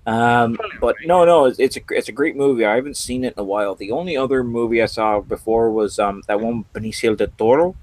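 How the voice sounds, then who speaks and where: A man's voice: mid-range voice, brisk, hardly any pauses, a little mellow. A man co-hosting a casual podcast, joking in an offhand way with hesitant fillers. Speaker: podcast co-host. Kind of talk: casual political chat.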